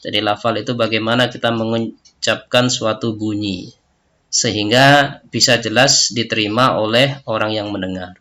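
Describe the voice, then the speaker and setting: Indonesian guy teaching a class, bright voice, patient, keeps adding "ya" at the end. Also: on the low side, steady tone, normal speed. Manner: patient, explains step by step, tags sentences with "ya". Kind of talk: recorded class lesson.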